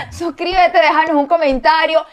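A woman co-hosting a casual interview show, bubbly and excitable. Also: extremely high pitch, unhurried. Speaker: co-host. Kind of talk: playful casual chat.

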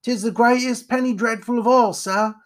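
A man's voice: extremely high pitch, fairly even intonation. A man doing a cheeky newsboy. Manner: cheeky, quick. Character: cheeky young street newsboy.

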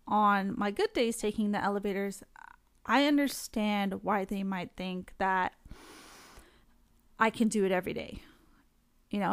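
A woman's voice: medium pitch, smooth, dry recording, studio quality. A young woman talking casually to camera about her own experience, candid and chatty, often laughing between thoughts. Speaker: vlogger sharing her experience with anxiety. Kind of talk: casual direct-to-camera talk.

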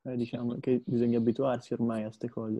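A man's voice: mid-range voice, level tone, fast talker, warm tone, no echo, lo-fi sound. A young man co-hosting a casual podcast, putting questions to his guests. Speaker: podcast co-host.

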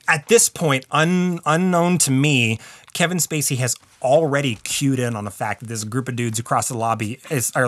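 A man's voice: medium pitch, bright, forceful tone. A man casually telling a long story on a podcast, rambling with lots of filler words and swearing.

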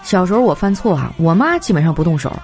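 A young woman telling comic anecdotes in a chatty, animated way, slipping into voices for the people in her stories. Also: on the low side, fast. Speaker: comedy storyteller. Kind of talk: scripted comic monologue. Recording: light background music. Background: faint music.

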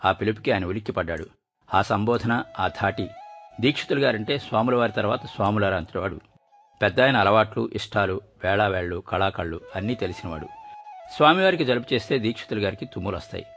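Low-voiced man narrating a story. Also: soft background music. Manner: expressive, measured storytelling. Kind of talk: storybook reading.

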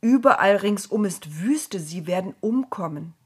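Woman doing old father figure, firm, breathy, slow. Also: medium pitch, lively intonation. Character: stubborn, worried old patriarch.

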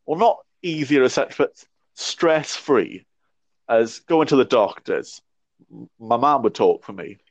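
His voice is medium in pitch and expressive, his pace a little slow, as this twenty-something podcast guest thinks things through casually, stammering and starting over often. The sound is muffled, lo-fi and dry, with no room sound.

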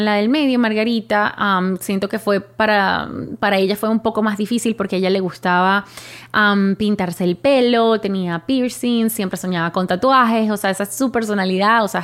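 A young woman talks about her own life in a relaxed, unscripted way. She often stops to restart a phrase and drops small fillers as she goes. Her voice sits at an ordinary middle pitch for a woman. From Venezuela. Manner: casual, many fillers and restarts. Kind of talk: personal storytelling monologue.

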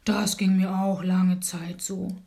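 Woman doing a slow, grumbly bear. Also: little pitch movement, creaky, mellow. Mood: confiding. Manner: slow, rumbling and drawn out. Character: big gentle male bear, grumbly.

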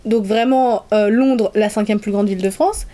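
A young woman co-hosting a podcast, chatting about films in an ironic, animated, teasing way. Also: mid-range voice, normal speed. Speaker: podcast co-host. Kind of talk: casual chat reviewing films.

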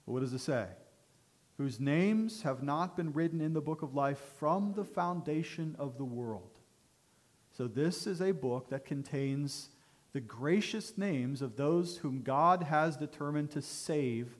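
Male pastor, sermon delivery, somewhat higher voice, emphatic with rhetorical questions. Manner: emphatic preaching with rising intensity and rhetorical questions; addresses the congregation directly, frequent "okay?".

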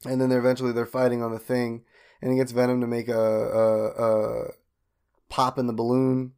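Casual young male podcast co-host, mid-pitched, retells plot with jumpy high quote voices. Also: monotone, normal speed, darkish tone, smooth. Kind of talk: casual chat recapping a cartoon.

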